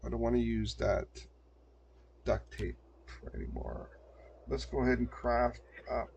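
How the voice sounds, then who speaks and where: A mid-range, darkish male voice with vocal fry keeps a fairly even intonation and a measured pace as an older gameplay streamer mutters to himself at his desk mic. The audio is dull, with a little hiss or hum.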